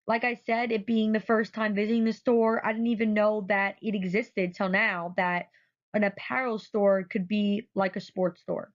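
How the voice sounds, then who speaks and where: A woman narrating a photo presentation, enthusiastic and often repeating words for emphasis. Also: on the high side. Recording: dull lo-fi recording.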